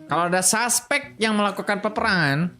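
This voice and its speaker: A man's voice: high-pitched, brisk, sharp tone. A man playing a police officer in a game roleplay, answering questions in a formal, deferential manner. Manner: formal, deferential, addressing her as ma'am. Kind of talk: in-character roleplay chat. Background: background music.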